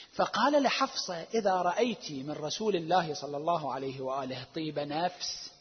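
A man giving a religious lecture, citing sources emphatically, stretching key words and asking rhetorical questions, his volume swinging between loud and hushed. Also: high-pitched, slightly rough. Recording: dull lo-fi recording with long hall reverb.

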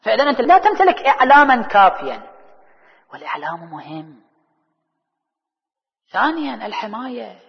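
A man preaching a sermon with a high voice that swings widely in pitch. He poses questions to the crowd and answers them himself, moving from hushed lines to loud ones. The recording is dull and carries a long hall echo. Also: very animated, brisk, creaky, long pauses. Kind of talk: religious sermon.

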